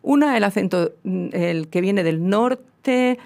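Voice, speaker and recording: A woman's voice: medium pitch, lively intonation, unhurried, a little mellow. A woman with a southern Spanish accent, a guest expert explaining at length in casual chat with frequent restarts. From southern Spain. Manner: lecturing, many restarts and fillers.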